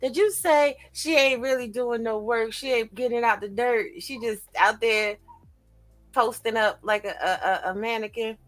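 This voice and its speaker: A woman's voice: on the high side, normal speed, fairly bright tone. A woman on a casual panel chat, teasing and sassy, with faint music behind her. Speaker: panel guest.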